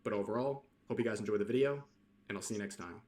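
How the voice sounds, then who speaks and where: A man's voice: fairly low pitch, fast, darkish tone. A man giving critical, dismissive online video commentary and a channel outro.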